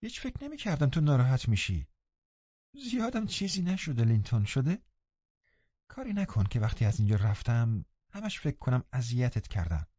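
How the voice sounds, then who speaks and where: A man voicing an anxious, softhearted teenage girl who pleads gently. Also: medium pitch, big pitch swings, slightly rough, no room sound, lo-fi sound. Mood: pleading.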